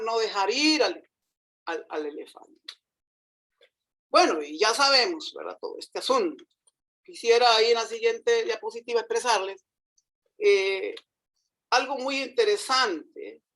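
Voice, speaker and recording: A man's voice: high voice, sharp tone, rough recording. A man preaching a sermon in a conversational way, often checking in with his listeners. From Costa Rica. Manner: conversational, frequent rhetorical tag questions.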